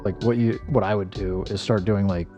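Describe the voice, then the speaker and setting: Thinking aloud and correcting himself, a music producer builds a track on a casual livestream, slightly losing his voice so it sounds a little worn. He talks a little fast in a lowish, steady, dark voice. Music plays in the background and the audio is dull.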